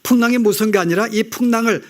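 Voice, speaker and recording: A male pastor with a high voice preaches a sermon. He keeps turning to the congregation with rhetorical questions, then slips into the voices of anxious believers praying. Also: quick pace. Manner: rhetorical questions to the congregation, acting out quoted prayers.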